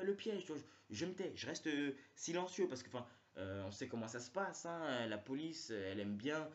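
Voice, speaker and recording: A man's voice: on the high side, lo-fi sound. A man doing a stand-up comedy monologue, rambling and slangy, with many fillers.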